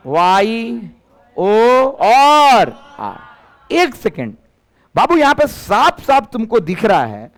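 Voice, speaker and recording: A male teacher, giving a lively classroom physics lecture and firing questions at his students. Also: sits high. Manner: lively, questioning students, mixing in Bhojpuri phrases.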